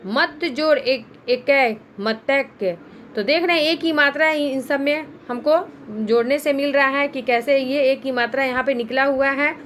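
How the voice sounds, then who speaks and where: High-voiced woman teaching step by step. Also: a little slow, fairly bright tone, a little hiss or hum. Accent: Bihari Hindi. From India. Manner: patient step-by-step explaining, asks and answers own questions. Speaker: school teacher. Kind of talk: recorded Hindi grammar lesson.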